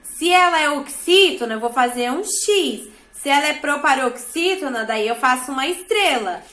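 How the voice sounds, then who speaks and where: A woman's voice: high voice, expressive, normal speed, bright, forceful tone, echoey room. A woman teacher with a Brazilian Portuguese accent explains an assignment to her class patiently, often checking that the students follow along. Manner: patient, checks understanding with frequent tag questions. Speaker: schoolteacher. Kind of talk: classroom instruction.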